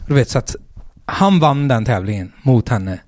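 A man's voice: medium pitch, lively intonation, darkish tone, no room sound. A man, a stand-up comedian telling a story in casual chat, swearing freely and acting out the quotes.

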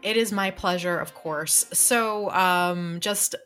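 Low, bright-voiced woman with a Queens accent. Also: soft background music. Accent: Queens, New York. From Queens, New York. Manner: fast-talking. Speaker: podcast host. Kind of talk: podcast interview with prepared introduction.

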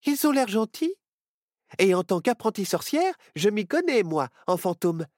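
A confident little apprentice witch from a storybook, her voice pitched far up and bouncing with eagerness, as a man puts her on. She talks with cheerful certainty, in a dry, close sound. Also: sing-song, moderate pace, dry recording. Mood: eager. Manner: bright, eager and sure of herself.

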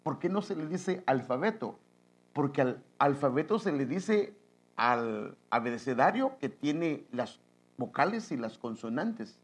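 Husky-voiced man preaching a teaching sermon. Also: mid-range voice, big pitch swings, unhurried. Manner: explanatory, addresses listener directly with rhetorical questions.

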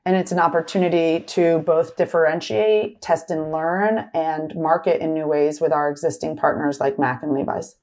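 A middle-aged woman being interviewed about her work, talking quickly with lots of "like" and "right?" tag questions. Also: low-pitched, steady tone, a little mellow. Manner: fast, filler-heavy, tag questions like "right?". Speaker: retail executive guest. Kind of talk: conversational interview.

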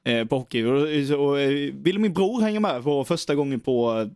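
Lively young man telling stories. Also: mid-range voice, no room sound, clean studio sound. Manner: lively storytelling, laughs often, swears casually. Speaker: podcast co-host. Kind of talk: casual chat.

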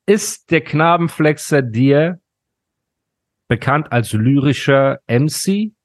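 A man's voice: on the high side, expressive, slow, no room sound. Dry, mock-serious male podcast host. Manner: mock-serious, ironic ranting. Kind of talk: casual podcast chat.

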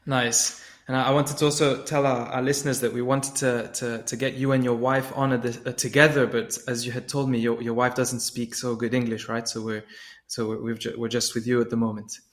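A man's voice: mid-range voice, level tone, fairly quick. A man hosting a podcast interview, enthusiastic, repeating words as he speaks. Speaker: podcast host.

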